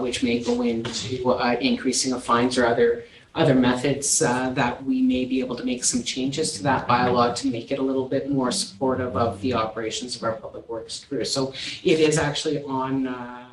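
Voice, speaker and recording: A municipal staff member briefs the council, explaining at length with many fillers and restarts. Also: male voice, mid-range voice, level tone, normal speed, background noise. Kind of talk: council report. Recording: echoey chamber, distant mic.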